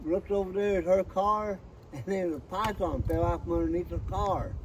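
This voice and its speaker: A man's voice: sits high, normal speed, a crowd in the background, rough recording. A man, a local garden worker, telling a story in a casual, folksy, plainspoken way.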